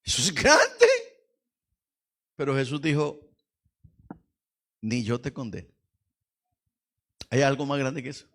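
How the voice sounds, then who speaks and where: A man preaching a lively Pentecostal sermon in church, swinging from hushed asides to shouts and quizzing the congregation. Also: mid-range voice, unhurried, pauses often. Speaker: pastor.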